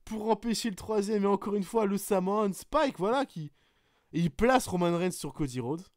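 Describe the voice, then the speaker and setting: A man hosting a podcast, swearing often as he retells a wrestling match in an animated play-by-play. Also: high-pitched, moderate pace, no echo, clean studio sound. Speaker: podcast host. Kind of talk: casual podcast chat, excited match recap.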